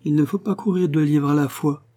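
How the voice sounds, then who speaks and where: A man voices a sly old timber merchant with a deadpan, mocking way of talking, set higher than his own reading voice. He sounds cool and sardonic, as in a storybook. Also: a little fast, lightly acted. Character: sly dry-witted older male timber merchant.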